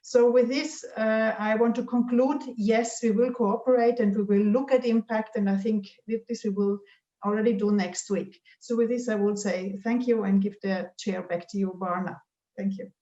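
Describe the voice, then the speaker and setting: A woman with a delivery, a board chair giving measured closing remarks with frequent fillers. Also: medium pitch, fairly even intonation, mellow, roomy sound, highs cut off. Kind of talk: concluding remarks at an online conference.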